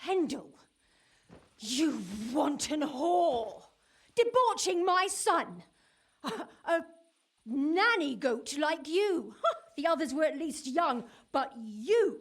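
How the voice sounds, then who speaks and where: A scornful, outraged mother in a period game. Her high voice swoops widely as she drags out her insults slowly and melodramatically. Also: wildly swooping pitch, a bit bright, heavily acted. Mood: scornful outrage. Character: outraged, scornful mother berating her son's supposed lover. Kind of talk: theatrical video game acting.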